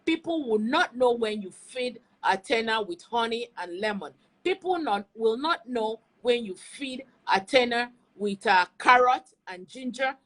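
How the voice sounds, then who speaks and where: Speaking with few pauses and a little slowly, this woman has a high-ish, expressive, slightly bright voice. She's an online host and commentator on a livestream, delivering opinionated social media commentary emphatically and repeating phrases for emphasis.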